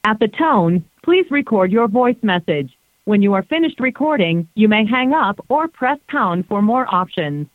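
A woman's voice: medium pitch, animated, no echo. Tinny automated voicemail woman. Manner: crisp, measured, formal. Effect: automated voicemail prompt over a phone line. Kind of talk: automated system announcement. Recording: tinny phone-line playback.

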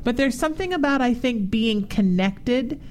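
A woman's voice: on the high side, animated, moderate pace, a little hiss or hum. A woman in her forties hosting a talk show, chatting casually and telling stories with animation. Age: 40s. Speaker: show host.

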